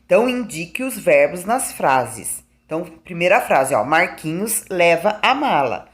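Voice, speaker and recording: A woman teacher, reading out a school test slowly and clearly to young pupils and asking them questions. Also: lowish voice, very animated. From Brazil. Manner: slow, clear dictation with questions to the class.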